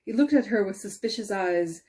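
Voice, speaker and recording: A woman's voice: mid-range voice, expressive, moderate pace, warm tone. A sniffly woman with a congested, sneezy air, reading a story aloud with casual asides. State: sniffly, sneezy, interrupted by coughs. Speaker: fiction reader.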